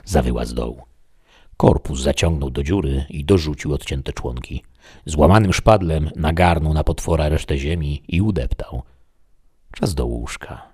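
A man narrating a scripted horror story in a steady, dramatic reading. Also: rumbling low, moderate pace, slightly rough, dry recording, clean studio sound.

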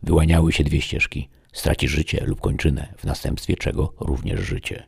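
A man narrating a sci-fi fantasy audiobook in a steady, dramatic storytelling manner. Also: extremely low pitch, moderate pace, gravelly, slightly rough.

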